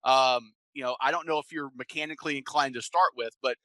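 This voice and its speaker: A man's voice: mid-range voice, fairly even intonation, fairly quick, bright, forceful tone, no echo. A man hosting a casual interview, asking long, rambling questions full of fillers and restarts. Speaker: interview host, boating coach.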